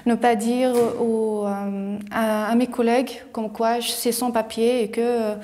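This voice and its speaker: A woman's voice: a little high, level tone, unhurried, dark tone. A woman in training speaking cautiously in an interview, with many hesitations. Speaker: trainee student. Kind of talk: interview testimony.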